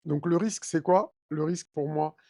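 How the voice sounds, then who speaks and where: Higher-voiced man talking through a trading chart. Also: moderate pace, dark tone, no echo, clean studio sound. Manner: casual, many fillers, walks through a chart; addresses viewers directly with frequent d'accord and hein. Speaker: crypto trading YouTuber. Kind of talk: chart analysis walkthrough.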